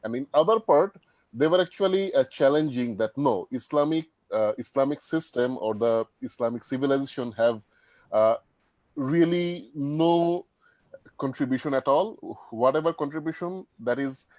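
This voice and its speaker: In an online interview, a man from Bangladesh asks a question as an audience member, hesitating and searching for words. His voice is mid-range with a darkish tone, at normal speed and with no echo.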